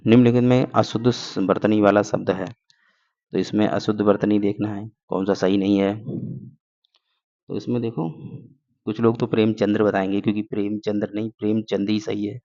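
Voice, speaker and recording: Man, teacher, exam-prep grammar lesson, gravelly voice, asks and answers his own questions, muffled recording. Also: on the low side, level tone, normal speed, warm tone. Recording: dull lo-fi recording.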